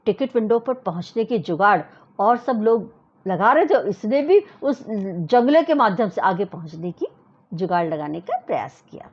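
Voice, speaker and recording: A woman narrating a children's story in an expressive, animated storytelling manner. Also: medium pitch. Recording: dull lo-fi recording.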